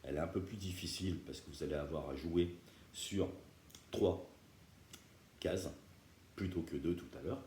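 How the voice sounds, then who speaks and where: A man's voice: deep voice, normal speed, long pauses, a little hiss or hum. A man teaching beginners guitar step by step, patient and often checking that viewers follow. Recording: roomy room with loud guitar playing.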